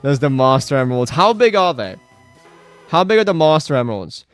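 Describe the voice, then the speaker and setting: A man's voice: fairly high pitch, big pitch swings, fairly quick, smooth, soft background music. A man chatting casually on a live game stream, rambling with lots of filler words and reacting to chat.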